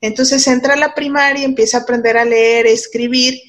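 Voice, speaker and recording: A woman's voice: fairly high pitch, fairly even intonation, a little fast. Woman interviewer, chatty. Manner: friendly, asks questions, shares a parenting story. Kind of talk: conversational interview.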